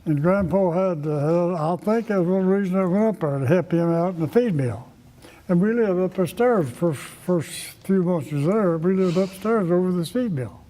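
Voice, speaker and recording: An elderly man with an Appalachian accent recalls old times in casual conversation. His voice is soft-edged and a little high for a man. He talks in a folksy, halting way, circling back over phrases, in an echoey room. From Kentucky, United States. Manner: folksy, halting, repeats phrases while remembering. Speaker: interviewee recalling childhood. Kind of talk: casual oral-history reminiscence.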